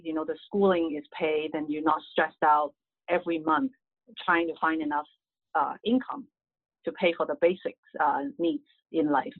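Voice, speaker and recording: A woman's voice: on the low side, no echo. Middle-aged woman, earnest guest; tinny dry phone audio. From Hong Kong. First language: Cantonese. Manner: earnest, many "you know" fillers. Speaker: guest, real estate agent. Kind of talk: casual interview answers.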